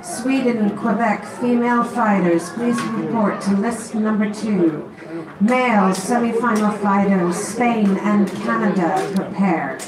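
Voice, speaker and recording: A woman making formal, measured tournament announcements over a PA system, repeating each call. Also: mid-range voice. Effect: amplified over a PA system. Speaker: tournament announcer calling fighters. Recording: echoing distant PA, loud crowd.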